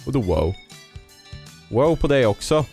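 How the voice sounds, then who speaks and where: A man's voice: mid-range voice, big pitch swings, vocal fry, darkish tone. A man giving let's-play commentary on a game. He cheers on and scolds his character and drops English phrases into his talk. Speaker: gaming YouTuber. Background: faint game music.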